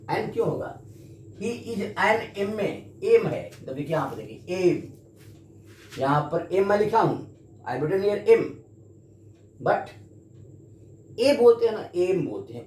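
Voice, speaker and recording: A slow-talking man teaching a grammar lesson, his pitch rising and falling a great deal. He keeps asking the class questions and then answering them himself. His voice rings in an echoey room with some faint noise behind it. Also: sing-song, darkish tone. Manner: addresses students, asks and answers his own questions.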